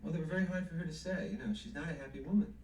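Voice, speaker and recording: An actor playing an evasive, edgy husband in a television soap, hesitant and stammering. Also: male voice, on the high side, very fast, darkish tone, lightly acted. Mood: uneasy, defensive. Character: evasive, edgy husband dodging his wife's questions. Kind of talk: television soap opera acting. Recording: roomy, distant, hissy 1970s TV soundtrack.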